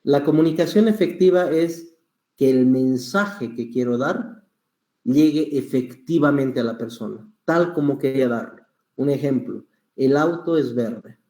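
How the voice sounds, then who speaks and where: A man, a public speaking instructor teaching an online class, patient and explaining with examples while deliberately varying pace and volume. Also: mid-range voice, mellow, reverberant.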